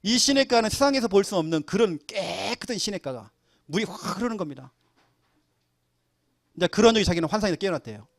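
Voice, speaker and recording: A middle-aged man, a pastor, preaching a sermon and telling stories with lively acted-out quotes. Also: sits high, fast talker, pauses often, no echo, studio quality. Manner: animated storytelling, acting out quoted voices.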